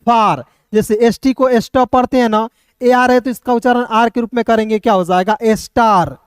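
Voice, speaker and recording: A very high-pitched man with a steady, clear, resonant voice slowly spells English words letter by letter during a Hindi phonics lesson. Recorded in a clean studio with no room sound, he keeps saying "doston" and checking whether his friends understand.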